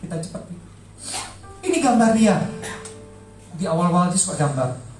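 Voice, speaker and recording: A middle-aged man delivers an emotional church testimony, pressing hard on repeated words. He sounds a little distant from the microphone in a large, reverberant hall, with soft music faintly underneath. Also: high-pitched, sing-song, moderate pace. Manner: heartfelt, emphatic, repeats words for stress. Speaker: church speaker giving a testimony.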